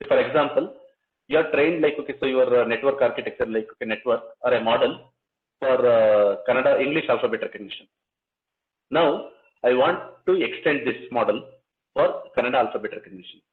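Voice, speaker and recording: A man with a South Indian accent giving a technical lecture, explaining step by step in a halting way with frequent filler tags. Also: mid-range voice. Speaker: lecturer, research scientist. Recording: slightly dull, lo-fi lecture audio.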